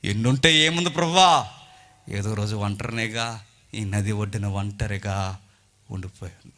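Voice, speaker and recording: Preacher guy doing a desperate patriarch begging for a blessing, bright edgy voice, goes quiet then loud. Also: on the low side, measured pace. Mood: despairing. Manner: pleading, swinging from hushed to loud. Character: desperate biblical patriarch man pleading for blessing.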